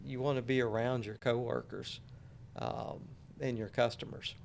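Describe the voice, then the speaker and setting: A man who is the guest on a podcast, talking in a relaxed, easygoing way with light hesitations. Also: medium pitch, moderate pace, vocal fry, a little hiss or hum. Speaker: guest, company general manager. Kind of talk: casual podcast interview.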